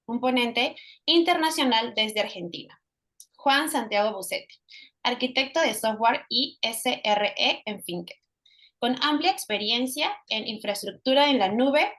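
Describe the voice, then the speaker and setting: A woman with a fairly high voice reads a formal welcome for an online event. She speaks in a polished, scripted way, as over a video call. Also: a bit bright. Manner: formal, read introduction. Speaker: event host. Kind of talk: scripted announcement.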